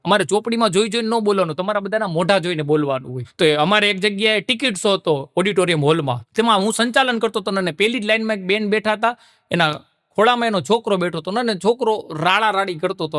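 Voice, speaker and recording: High bright stand-up comic. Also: male voice, no room sound, clean studio sound. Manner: laughing storyteller who sings snatches of old songs. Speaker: stand-up comedian. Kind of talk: stand-up joke telling.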